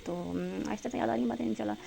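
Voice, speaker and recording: A woman's voice: a little high, racing, gravelly, noisy background. A young woman with a Pakistani Urdu accent chatting casually in a rambling, filler-heavy way while cooking breakfast at home, recorded on a handheld phone. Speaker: vlogger. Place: home kitchen, indoors.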